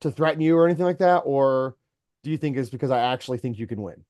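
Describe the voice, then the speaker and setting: A man's voice: mid-range voice, quick pace, a little mellow, no room sound, studio quality. A man who owns a company, giving an employee earnest one-on-one coaching and telling stories to make his point. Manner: earnest, storytelling, mentoring.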